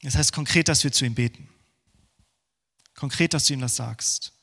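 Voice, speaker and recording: A man preaching a sermon, moving between fervent passages and hushed, prayerful ones. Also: medium pitch, moderate pace, creaky, husky. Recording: long hall reverb.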